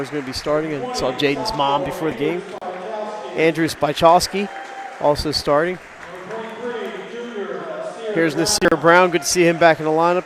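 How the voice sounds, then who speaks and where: A male play-by-play announcer with a slightly high, congested voice that sounds like he is holding his nose. He is under the weather but chats easily through live basketball commentary. A loud gym crowd and bouncing balls are clearly heard behind him. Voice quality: nasal, stuffy, as if pinching his nose. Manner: chatty, joking asides. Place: indoor school gymnasium.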